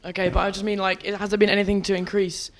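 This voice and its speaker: A man's voice: sits high, completely flat delivery, very fast, a bit bright. A man, a supporter, asking a question at a fans forum, polite but persistent.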